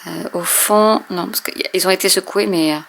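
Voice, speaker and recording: A woman casually showing and testing inks, hesitating often with many fillers and often trailing off softly. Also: fairly low pitch, fairly even intonation, normal speed, creaky, slight background noise. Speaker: craft video host. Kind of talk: casual product demo.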